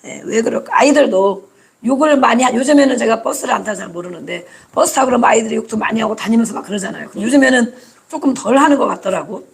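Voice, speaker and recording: A man's voice: very high voice, quick pace, vocal fry. A male preacher giving a conversational sermon, chatty and acting out prayers and scolding as he goes.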